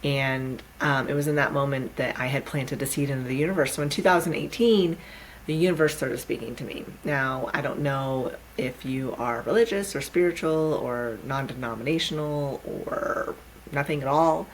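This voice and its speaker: A woman in her thirties with a low-pitched voice hosts her own unscripted podcast. She talks in a candid, reflective way and often restarts her sentences with fillers. A faint hum of background noise sits under her voice. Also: moderate pace, low-quality recording. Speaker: podcast host. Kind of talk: unscripted solo podcast talk.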